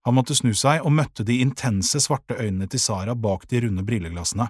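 A man narrating a children's audiobook in a calm, measured way, with a husky voice. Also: mid-range voice, dry recording, clean studio sound.

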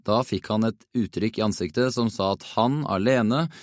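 A man narrating a children's storybook in an even, measured reading. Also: on the low side, dry recording, studio quality. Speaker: audiobook narrator.

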